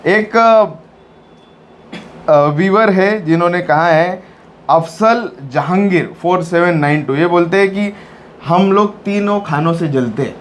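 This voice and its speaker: A man with a fairly high voice hosts a casual gossip chat. He jokes mockingly and reads out viewer comments, with faint ambient noise in the background. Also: unhurried. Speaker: gossip show host.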